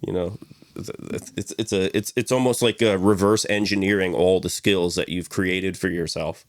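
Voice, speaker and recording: A young man co-hosting a podcast, chatting casually in a rambling, animated way and laughing often. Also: deep voice, moderate pace, no echo, studio quality. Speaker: podcast co-host. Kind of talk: casual chat.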